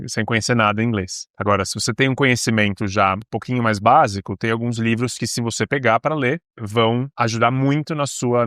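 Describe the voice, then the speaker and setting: A man's voice: medium pitch, a bit bright, dry recording, clean studio sound. A man from Brazil, an English teacher, giving a casual video lesson for beginners and explaining step by step with lots of chatty asides.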